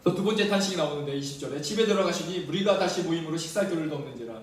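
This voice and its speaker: A man's voice: fairly high pitch, racing. A man preaching a sermon as pastor, often asking the congregation questions. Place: church sanctuary. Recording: very echoey church hall, mic at a distance.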